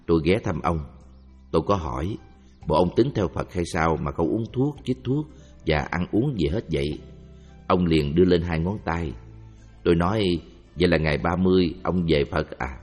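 Deep, solemn man reading over music. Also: darkish tone, husky. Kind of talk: scripted narration of a Buddhist testimony. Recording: reverberant room with faint background music.

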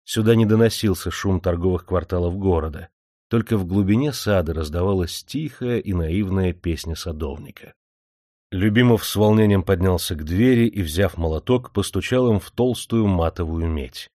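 A man reading a novel aloud as an audiobook narrator, in a steady, descriptive manner. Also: sits low, normal speed, dry recording, clean studio sound.

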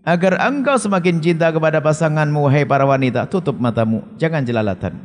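A man preaching a sermon in a stern, emphatic manner, his voice high and lively as it swoops up and down. The sound carries a long reverb, as if recorded in a large hall. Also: quick pace. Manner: emphatic and stern, with sharp swings of pitch. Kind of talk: sermon answering a question from the audience.

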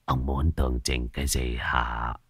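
A man voicing a sinister, mocking old village sorcerer in a slow, menacing murmur. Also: rumbling low, level tone, a bit bright, husky, dry recording, clean studio sound, pitched below the performer's own voice, full character voice.

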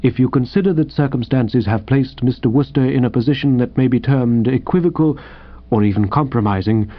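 A man voicing an unflappable, formal valet who speaks smoothly and deferentially. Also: mid-range voice, fairly quick, lightly acted. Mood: composed. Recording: dull, dry studio recording.

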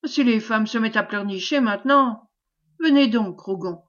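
A woman's voice: a little high, moderate pace, lightly acted. Woman reading a blustering, scornful old commander, muffled lo-fi sound. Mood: gruff. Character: older male commander, gruff and impatient.

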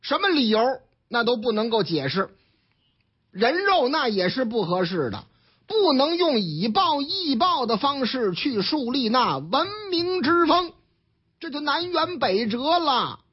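A man with a strong Beijing accent tells the day's news like a street storyteller, slipping into the voices of the people in each tale. His pitch leaps up and down, and his voice has a husky edge. The broadcast sounds dull and lo-fi. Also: unhurried. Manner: lively, acts out the characters in the stories, colloquial. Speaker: radio commentator.

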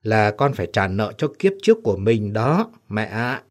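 A man's voice: on the low side, sing-song, normal speed. A man voicing the sorrowful ghost of a young son in an audio story, speaking sadly. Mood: mournful. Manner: sad, mournful.

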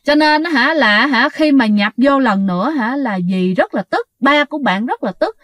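A woman's voice: sits high, animated, normal speed, fairly bright tone, no room sound, clean studio sound. A woman with a Southern Vietnamese accent telling a ghost story in a chatty way, often addressing her listeners. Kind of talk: casual ghost-story narration.

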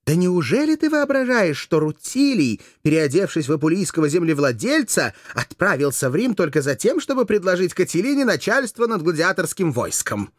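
Мужчина озвучивает молодую коварную куртизанку, театрально, с мольбой и надрывом, в аудиокниге. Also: male voice, moderate pace, mellow, no echo, clean studio sound, lightly acted. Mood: impassioned. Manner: shrill, pleading, theatrical. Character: scheming young female courtesan, passionate, manipulative. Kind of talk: audiobook character voice.

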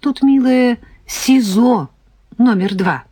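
A woman voicing a weary middle-aged woman who brings parcels to a prisoner, talking quietly and sighing. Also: a little high, slow, slightly rough, no room sound, studio quality, voice pushed up. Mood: quiet explaining.

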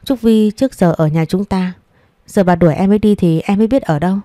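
A woman's voice: medium pitch, brisk, dark tone, no echo, clean studio sound, natural voice. A woman voicing a kind, earnest young granddaughter in an audio story, speaking in a pleading way.

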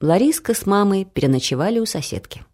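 A woman narrating a humorous family story for an audiobook, expressive and lively. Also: medium pitch, fast talker, husky.

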